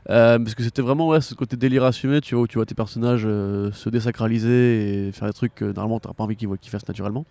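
A man's voice: medium pitch, fairly even intonation, fast talker, hardly any pauses, mellow, dry recording. A man from France, co-hosting a podcast in casual chat, blunt and swearing freely. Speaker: podcast co-host.

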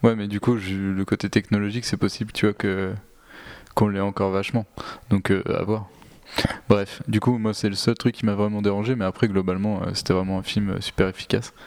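A man's voice: fairly low pitch, level tone, fairly quick, a little mellow, dry recording. A man hosting a casual film discussion in an informal, talkative, hedging way, in a resonant room. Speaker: podcast host. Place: very echoey-sounding room.

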